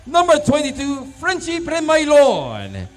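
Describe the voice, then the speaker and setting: A man working as venue game announcer, calling out player numbers and names in a drawn-out, booming delivery. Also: wildly swooping pitch. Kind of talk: arena player introductions.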